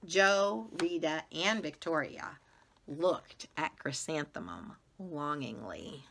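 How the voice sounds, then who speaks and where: A middle-aged American woman narrates a picture book for children. Her delivery is slow and emphatic, with dramatic stress on key words. The voice is bright and swings widely in pitch. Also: lively intonation, gravelly. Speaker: storybook reader for children. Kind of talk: expressive read-aloud narration. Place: small classroom-like room, indoors.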